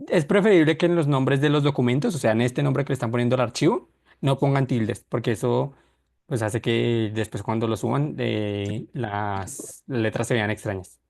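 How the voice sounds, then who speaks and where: A man's voice: mid-range voice, normal speed, gravelly, darkish tone. A man teaches a class over a call. He explains in loose, rambling steps, often stopping to correct or rephrase himself. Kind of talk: online class lecture.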